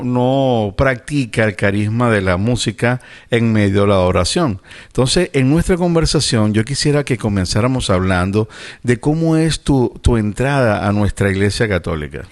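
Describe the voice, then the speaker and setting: A man hosting a radio show, introducing and questioning his guest in a friendly, informal way. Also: medium pitch. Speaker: radio host. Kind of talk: radio interview.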